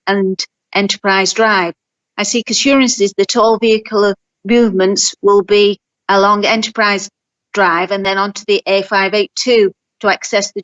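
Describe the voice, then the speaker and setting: A woman councillor addresses a planning committee over the phone, reading her prepared remarks at a steady, formal pace. Her voice sits in an ordinary middle register. The phone line leaves it dull and muffled. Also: mid-range voice. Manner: reads a prepared statement steadily. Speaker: ward councillor.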